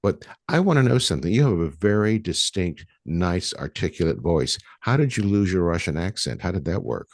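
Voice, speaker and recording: A man's voice: low voice, very animated, normal speed, few pauses, dry recording, studio quality. A man hosting a podcast interview, chatty and rambling, restarting his sentences often. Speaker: podcast host. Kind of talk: casual interview.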